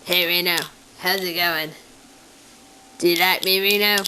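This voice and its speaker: A woman voicing a timid, childlike male puppet who is wary of cats, speaking slowly and simply to the children in a puppet show. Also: fairly low pitch, fairly even intonation, pushed and bright, a little hiss or hum, poor audio. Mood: chatty. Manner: talks straight to the children, slow and simple.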